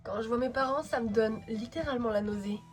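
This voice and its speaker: Woman doing a deadpan gothic teen girl. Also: a little high, fast, faint music behind, close to an everyday voice. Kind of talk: amateur fan voice drama.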